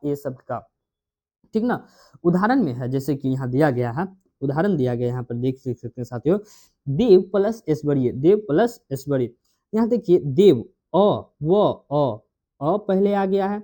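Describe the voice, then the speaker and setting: Mellow-voiced man teaching in call-and-response. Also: a little high. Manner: repetitive call-and-response questioning. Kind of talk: grammar lesson.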